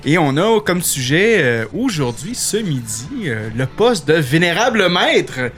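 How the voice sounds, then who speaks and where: A Québécois man hosts a casual radio chat in a fairly high, very lively voice. He talks loosely with plenty of fillers, and soft music plays underneath. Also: unhurried. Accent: Québécois French. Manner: animated, lots of fillers. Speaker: podcast host.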